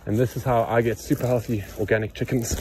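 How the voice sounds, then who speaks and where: A man narrates a casual farm vlog as he works by a pond in his yard, shooting point-of-view on a handheld phone. His mid-range voice is steady in tone and he talks fast. The recording is very noisy, and his manner is blunt, opinionated and matter-of-fact.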